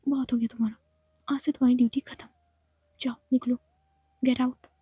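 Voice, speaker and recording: A woman's voice: sits high, flat delivery, moderate pace, warm tone, husky, no room sound, studio quality. A woman voicing a jealous, possessive young woman in a whispered role-play, scolding sharply.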